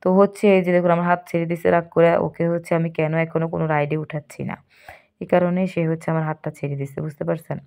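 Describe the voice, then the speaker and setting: A young woman, hoarse from a cold, narrating a family vlog in a casual, rambling way with a constant filler word. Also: fairly low pitch, level tone, very fast, a little mellow. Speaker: mother and family vlogger.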